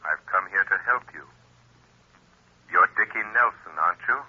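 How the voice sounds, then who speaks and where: A man playing a calm, mysterious invisible crime-fighter who speaks in a soothing but commanding way, on an old radio broadcast. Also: deep voice, normal speed, breathy edge, muffled recording.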